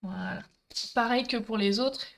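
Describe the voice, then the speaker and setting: A woman's voice: fairly high pitch, measured pace, gravelly. A middle-aged woman with a Marseille accent, chatting with viewers while she demonstrates a craft project live. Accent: Marseille French. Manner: chatty, talkative, addresses viewers directly.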